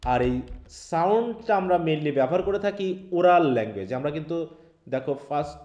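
A man's voice: on the high side, animated, moderate pace, muffled recording, very noisy. A man with a Bangladeshi Bengali accent teaching an online English class, explaining step by step and keeping the students involved with questions. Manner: keeps checking in with students by asking questions. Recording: echoey room.

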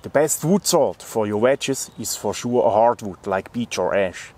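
Out in the woods, a man whose first language is German demonstrates a bushcraft task one step at a time, plainly and warmly. He speaks a little slowly in a lowish, animated voice that is somewhat mellow with a slight roughness.

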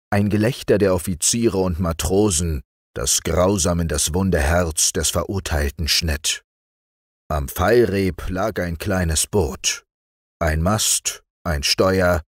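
A man calmly narrating fairy tales for an audiobook. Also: deep voice, no echo, studio quality. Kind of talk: calm fairy tale reading.

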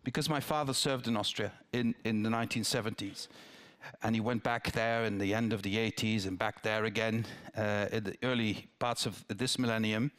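With a fairly low-pitched, slightly bright voice, an older Dutch man answers audience questions as a politician at a town-hall dialogue. He's on a theatre stage and wears a headset mic. He's thoughtful, prone to restarts and asides.

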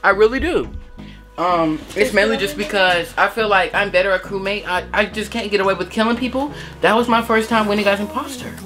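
A woman's voice: mid-range voice, fairly even intonation, brisk, fairly bright tone. A woman YouTuber chatting casually and jokingly while playing a game, with dramatic playful outbursts. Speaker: gaming YouTuber. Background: game music.

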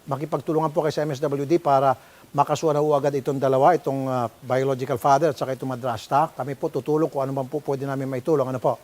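A man's voice: mid-range voice, flat delivery, rapid-fire, darkish tone. A man with a Filipino accent hosting a public-service show, questioning people sternly and scolding them. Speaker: host. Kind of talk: confrontational public-service broadcast.

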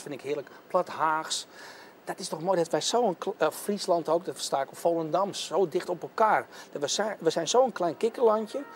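A man's voice: a little high, slight background noise. A middle-aged man from Amsterdam answering interview questions on a theatre stage, candid and enthusiastic, often restarting his sentences.

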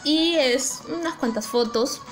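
A young woman vlogging in casual chat. She translates posts for her viewers and gushes excitably, with lots of giggling. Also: sits high, takes it slowly, faint music behind. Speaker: fan vlogger.

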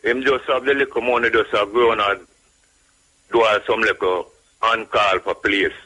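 A man's voice: lowish voice, steady tone, unhurried, pushed and bright, poor audio. A man from Jamaica with a Jamaican accent, calling in to a radio show and talking casually, emphatic and full of repeated tag phrases. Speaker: radio caller. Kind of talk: casual call-in talk.

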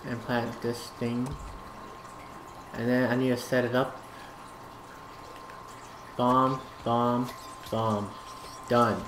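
A woman's voice: very deep voice, little pitch movement, unhurried, pauses often, echoey room, a little hiss or hum, low-quality recording. A woman playing a co-op video game at home, chatting casually and playfully humming little sound effects. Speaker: co-op gameplay player. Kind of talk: casual gameplay chat.

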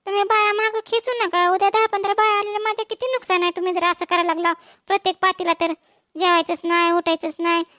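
A woman's voice: very high-pitched, flat delivery, fast talker, pushed and bright, no room sound, clean studio sound. A woman voicing a stern village farm owner in a cartoon, lecturing and complaining. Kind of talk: dubbed cartoon voice.

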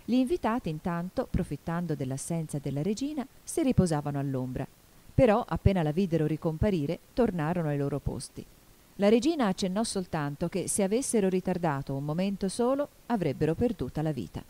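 A woman reads a storybook aloud with a low, mellow voice. Her delivery is expressive and measured, with lively swings of pitch. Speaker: audiobook reader. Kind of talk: storybook narration.

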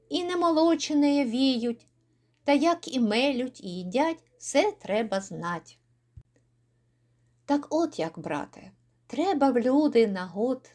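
A woman voicing an old Cossack father who gives slow, instructive, grumbling advice to his son. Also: high voice, warm tone, heavily acted.

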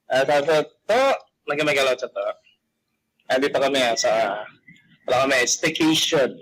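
A man chatting casually on a livestream, joking and giving shoutouts to viewers. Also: medium pitch, lively intonation, unhurried, long pauses, low-quality recording.

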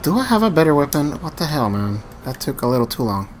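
A man's voice: on the high side, sing-song, fast talker, slight background noise. A man hosting his own gaming channel, giving casual play-by-play commentary, slightly nervous and stumbling, grumbling and muttering at the enemies he fights. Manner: self-deprecating, a bit nervous and stumbling. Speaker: gamer channel host.

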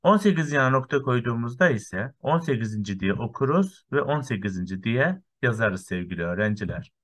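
A man teaching a lesson to young children, counting through lists slowly and patiently and often addressing his dear students. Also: mid-range voice, sing-song, fairly bright tone. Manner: counts through lists step by step, often saying "sevgili öğrenciler". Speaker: primary school teacher.

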